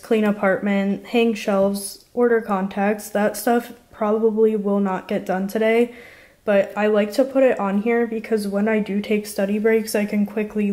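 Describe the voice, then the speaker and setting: This study vlog features a woman in her twenties, a medical school entrance exam candidate, speaking in a medium-pitched, slightly mellow voice. Chatting to camera in her apartment living room, she leans heavily on "like" and "um."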